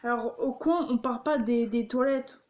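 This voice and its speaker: A woman's voice: fairly high pitch, moderate pace, phone-quality sound. A young woman reading jokes aloud and explaining them, giggling often and tripping over her words. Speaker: vlogger.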